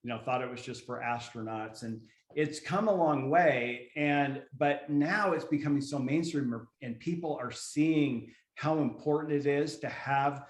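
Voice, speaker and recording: A man of middle pitch hosts a casual sales call from home in a relaxed, folksy manner. His voice comes through a video call in an echoey room. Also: a little slow, few pauses. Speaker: host of a sales opportunity call.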